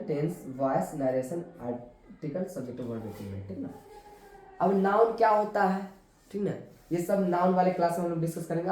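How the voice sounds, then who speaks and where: A man's voice: high voice, mellow. A man teaching an English lesson, who keeps checking in with his students and asks and answers his own questions. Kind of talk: classroom lesson explaining grammar. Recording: very echoey room.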